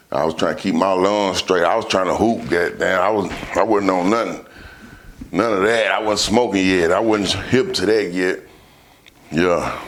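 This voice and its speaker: Laid-back stoner man with a drawl. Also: low-pitched. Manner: slangy, heavy casual swearing. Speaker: vlogger. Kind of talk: casual storytelling to camera.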